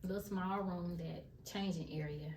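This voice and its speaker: Speaking at a moderate pace with fairly even intonation, this vlogger has a darkish, lowish voice over a faint hum. She shares her faith testimony emphatically, addressing viewers as y'all, and she's recorded from far off in a room with echo.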